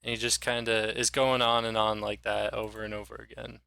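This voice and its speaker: A male game master narrating a tabletop adventure with an easygoing, rambling delivery. His voice is bright and crisp, recorded close and dry. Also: lowish voice, a little fast, dry recording. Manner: relaxed, descriptive, with frequent "like" fillers.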